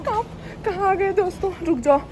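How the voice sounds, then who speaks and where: Over crowd noise and faint street sounds outdoors, a young Indian vlogger talks and jokes in an extremely high-pitched, brisk voice. She's filming her city day out on a handheld phone in a casual vlog style.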